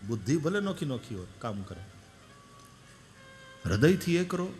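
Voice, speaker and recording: A man giving an animated devotional sermon, telling stories and moving from soft to loud. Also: medium pitch, moderate pace, faint music behind. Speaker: katha preacher. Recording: long echo of a large hall.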